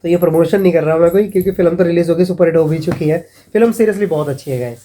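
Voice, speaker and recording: A man talks casually to his viewers, calling them friends. His voice is mellow and dark in tone, with a faint hiss of noise behind it. He tells his stories in a mocking way. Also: on the high side, quick pace. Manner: chatty, addresses viewers as friends; mocking, storytelling retelling of scam calls. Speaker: vlogger. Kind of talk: casual vlog warning viewers.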